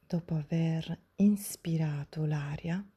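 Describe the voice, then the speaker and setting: A woman softly whispering a guided breathing meditation, gentle and soothing, step by step with long pauses, in a breathy, hushed spa-like voice. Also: low-pitched, lo-fi sound. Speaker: guided breathing and relaxation instructor.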